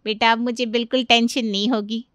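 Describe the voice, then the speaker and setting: Cartoon mom-in-law, fussy and nagging, high sharp voice played by a woman. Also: little pitch movement, brisk, no room sound, close to an everyday voice. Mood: exasperated. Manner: complaining, exasperated scolding. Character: fussy exasperated middle-aged mother-in-law. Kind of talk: cartoon voice acting.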